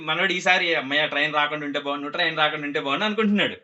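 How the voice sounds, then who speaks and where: A man's voice: a little high, very fast, pushed and bright, dull audio. A man telling a comic story to a group, acting out the characters' quoted lines.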